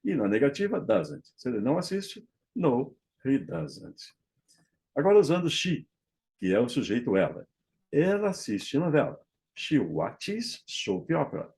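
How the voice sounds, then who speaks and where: A man teaching English grammar, modeling English phrases slowly and checking in with frequent "ok?". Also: medium pitch, very animated, vocal fry, darkish tone. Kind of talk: explaining English grammar to Portuguese speakers.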